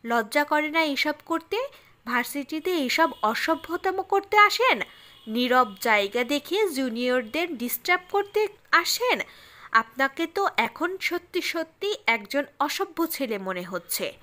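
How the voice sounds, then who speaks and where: A spirited young woman student with a quick, scolding tongue, as a woman reader puts her on. She talks back with indignant bite in a bright, fairly high voice in a storybook reading. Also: sing-song.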